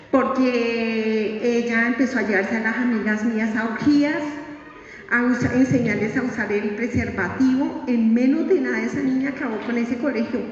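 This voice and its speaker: A woman giving a live religious testimony, telling her story with lively acted-out voices. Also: high-pitched. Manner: animated storytelling that acts out voices. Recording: echoey hall, distant dull mic.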